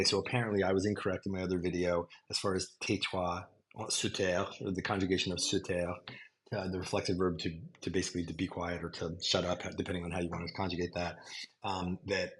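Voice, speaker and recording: Deep-voiced man explaining English. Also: a little hiss or hum. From United States. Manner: emphatic, repeats "okay?" to check in. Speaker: English teacher content creator. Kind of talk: casual explanatory monologue. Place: home in France.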